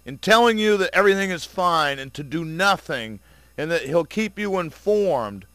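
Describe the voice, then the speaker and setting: A man delivering an angry, profane ranting commentary, sarcastic toward his listeners, swinging between low muttering and loud outbursts. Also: lively intonation, moderate pace, no room sound. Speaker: video blogger.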